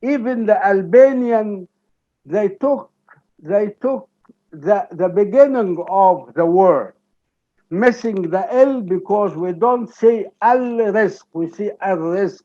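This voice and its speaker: A man with an Egyptian Arabic accent giving an academic lecture, explaining deliberately and checking in with "okay?". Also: high voice, dark tone, muffled recording.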